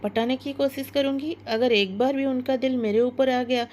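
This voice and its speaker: A woman's voice: high voice, fairly even intonation, moderate pace, a little mellow, lightly acted. A woman voicing a jealous, gossipy young female cook in a storybook narration, in a chatty, grumbling manner. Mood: gushing.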